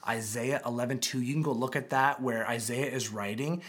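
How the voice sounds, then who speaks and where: Man, pastor, sermon, husky voice, animated delivery, dramatic pauses. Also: mid-range voice. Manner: animated preaching with dramatic pauses, reads scripture aloud. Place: church auditorium with congregation.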